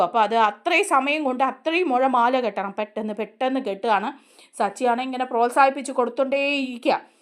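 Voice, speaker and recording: A woman's voice: on the high side, fairly bright tone. A woman hosting a serial review, casually retelling the scenes in a chatty way and often turning to the listener. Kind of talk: casual storytelling recap of a TV serial.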